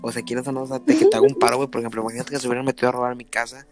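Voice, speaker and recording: A man's voice: mid-range voice, little pitch movement, rapid-fire, a little mellow, soft background music. A man with a Mexican accent, hosting a podcast in loose, slangy, rambling banter. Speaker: podcast host. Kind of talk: casual banter.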